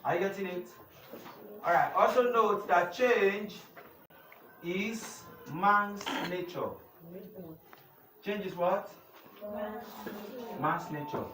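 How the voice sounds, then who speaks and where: A young man with a Nigerian English accent teaches a youth class in a high, sharp voice, speaking slowly with frequent pauses over soft background music. He uses call-and-response, often asking the room to finish his sentences, and the noisy recording was captured from far off in an echoey room.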